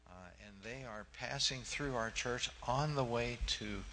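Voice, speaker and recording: A man's voice: medium pitch, measured pace, sharp tone, a little hiss or hum, low-quality recording. A man, the pastor, making a church announcement and welcoming a guest family, with hesitant fillers.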